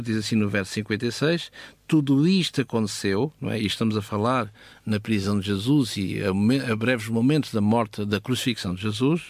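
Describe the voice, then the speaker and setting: A man with a European Portuguese accent teaches the Bible in a conversational way, explaining scripture haltingly with pauses and frequent questions to check understanding. His voice sits on the low side, and there's no echo.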